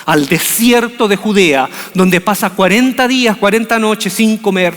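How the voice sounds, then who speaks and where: A man preaching a sermon, telling the story in an animated, humorous way. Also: sits high, measured pace. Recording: long reverb of a large hall.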